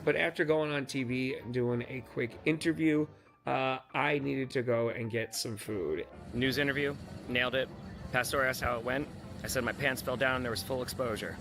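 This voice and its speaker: Gravelly-voiced man narrating a vlog. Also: mid-range voice, fairly even intonation, moderate pace. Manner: joking, self-deprecating. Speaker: vlogger recapping a fundraising tour. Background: background music.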